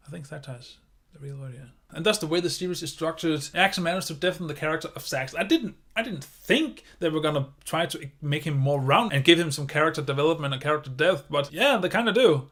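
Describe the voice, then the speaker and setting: A man's voice: fairly high pitch, a bit bright. A man giving a casual video review of a TV series, enthusiastic and rambling, often circling back on his points.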